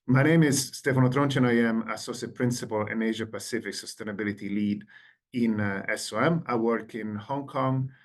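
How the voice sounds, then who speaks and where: A man in his forties with an Italian accent gives an online lecture over a video call, his voice sitting on the low side. He keeps the audience involved by putting questions to them and reading out their answers. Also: steady tone, a little fast. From Italy. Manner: engaging, quizzes the audience. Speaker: guest lecturer.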